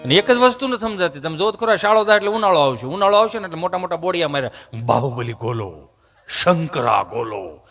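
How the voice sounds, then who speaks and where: A man's voice: high voice, expressive, rapid-fire, hardly any pauses, fairly bright tone, faint music behind. A man doing live stage comedy, chatting with and teasing the audience. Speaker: stand-up joke teller.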